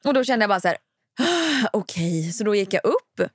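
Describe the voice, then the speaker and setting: A woman co-hosting a casual chat, telling stories animatedly and swearing freely, acting out her children's shouts. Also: medium pitch, no room sound, clean studio sound. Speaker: podcast co-host, mother of young children.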